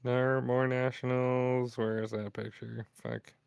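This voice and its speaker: A man's voice: medium pitch, flat delivery, takes it slowly, vocal fry, darkish tone, clear, resonant tone, dry recording, studio quality. A Canadian man co-hosting a casual podcast, crude and heavy on swearing. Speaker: podcast co-host.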